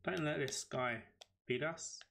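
British male game streamer with a slightly high voice, chatty and excitable as he reacts to his game live. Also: slow pace, creaky, slight background noise. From United Kingdom. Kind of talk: live gameplay commentary.

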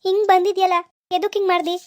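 A woman's voice: extremely high pitch, level tone, fast, darkish tone, dry recording, clean studio sound, voice pushed up. A woman voicing a scolding older village mother in a cartoon, with a reproachful manner.

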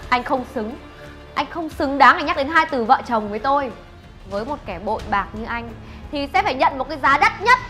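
A woman's voice: sits high, lively intonation, brisk. A woman playing a kind young shop owner. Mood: cold. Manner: polite, gentle and reassuring. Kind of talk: web drama acting. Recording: background music.

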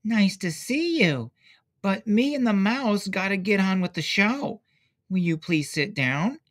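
A man's voice: high voice, lively intonation, a little slow, a bit bright, pitched above the performer's own voice. A man doing a chirpy puppet girl voice. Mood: coaxing. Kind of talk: picture book read-aloud.

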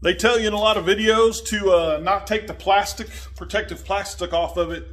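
In his garage, a plain-spoken motorcycle vlogger in his forties casually narrates a windshield install while working with his hands, drifting away from the phone camera and mic. His voice is high and fairly bright, fairly quick, with fairly even intonation.

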